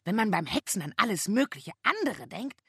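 A reader voicing a wise, blunt male talking raven with a shrill, croaking voice in an audiobook. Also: sing-song, normal speed, sharp tone, no echo, studio quality, heavily acted. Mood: scolding. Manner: reproachful, blunt. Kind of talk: audiobook reading.

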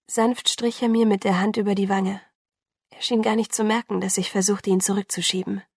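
Gravelly-voiced woman reading a novel. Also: mid-range voice, little pitch movement, brisk, dry recording, studio quality. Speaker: audiobook narrator. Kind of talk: first-person novel narration.

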